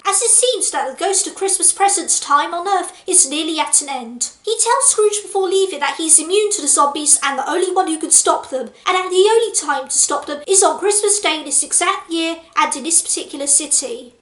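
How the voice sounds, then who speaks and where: A woman reads a book aloud and mocks it, sarcastic and incredulous. Her voice is high and rings in a roomy space. She talks like a comedic reviewer. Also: a bit bright.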